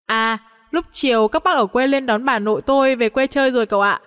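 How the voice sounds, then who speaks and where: A woman's voice: on the high side, fairly quick, a bit bright, clear, resonant tone, long reverb tail, close to an everyday voice. A woman voicing a nervous young man who keeps hurriedly deflecting. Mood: evasive. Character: flustered young man hiding a secret.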